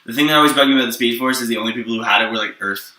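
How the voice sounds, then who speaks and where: Talking very fast in a mid-range voice that is pushed and bright, a man improvises a rambling, casual explanation of his own superhero story, repeatedly making sure his listener keeps up. The recording has a roomy echo, with him distant from the mic.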